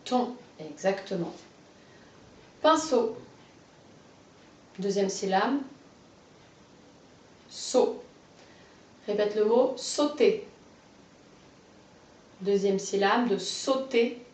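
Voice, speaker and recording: A woman guiding a child through a phonology lesson, giving clearly pronounced words one at a time and encouraging replies. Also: mid-range voice, darkish tone, far from the mic. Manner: slow, carefully articulated, encouraging. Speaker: teacher of a phonology exercise. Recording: dull, roomy, off-mic sound.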